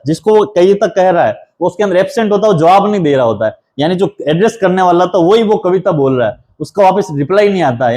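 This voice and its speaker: High-voiced male teacher explaining a poem. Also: warm tone. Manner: reads the English verse lines slowly, then explains each in Hindi; repeats key terms and counts them out step by step. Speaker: assistant professor teaching English literature.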